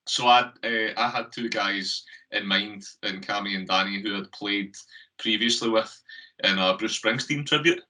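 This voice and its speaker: A man's voice: lowish voice, moderate pace, pushed and bright, recorded from a distance. A man with a Scottish accent, chatting casually as a guest on a remote call, laughing often and filling gaps with ums. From Scotland. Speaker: guest, lead singer. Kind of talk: casual interview chat.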